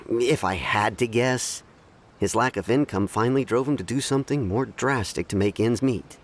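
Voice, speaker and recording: A man voicing a calm, polite and reserved townsman in a video game. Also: medium pitch, moderate pace, natural voice.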